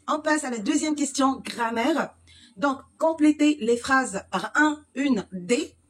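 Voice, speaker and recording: A woman teaching French to Arabic speakers with an Egyptian accent, explaining slowly and repeating words. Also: high voice. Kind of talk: language lesson, switching between French and Egyptian Arabic.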